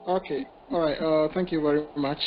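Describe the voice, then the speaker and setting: A man's voice: a little high, fairly even intonation, brisk, muffled recording. Hesitant, polite man on a noisy call. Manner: hesitant and polite, many fillers. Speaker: audience member asking a question.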